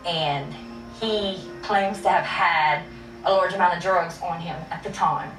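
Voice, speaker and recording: A woman's voice: on the low side, unhurried, reverberant, distant mic, over music, low-quality recording. A woman talking candidly as an interviewee in a documentary. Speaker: interviewee, victim's relative.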